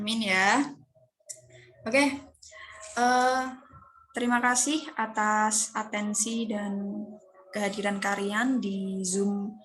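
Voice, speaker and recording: A woman's voice: medium pitch, a bit bright. A woman teaching an online class in a hesitant, encouraging way. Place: online Zoom meeting. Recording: faint noise, online video call.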